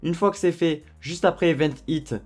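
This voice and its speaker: A man walking viewers through a software tutorial in a relaxed, chatty way, with frequent fillers. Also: on the high side, moderate pace, faint music behind. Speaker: tutorial host. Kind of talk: screen-recorded software tutorial.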